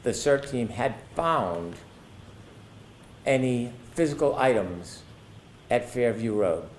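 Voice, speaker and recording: Male trial lawyer, mid-pitched, methodical questioning of a witness, clear background noise. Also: lively intonation, slow pace. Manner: formal, precise, methodical. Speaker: prosecuting attorney. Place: courtroom.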